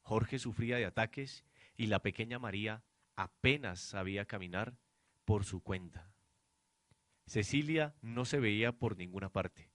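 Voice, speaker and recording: This young adult man, lowish-voiced with a slightly bright tone, narrates a dramatic radio-drama script a little slowly. The recording is dry, made as part of a noisy amateur student production.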